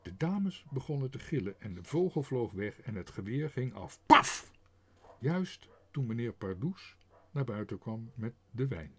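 Man, storyteller, husky voice, lively pitch, slow reading. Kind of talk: reading a children's story aloud.

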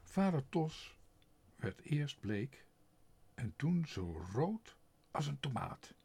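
A man narrating a children's storybook aloud in an expressive, unhurried way. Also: mid-range voice, vocal fry, slightly rough. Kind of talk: storybook reading.

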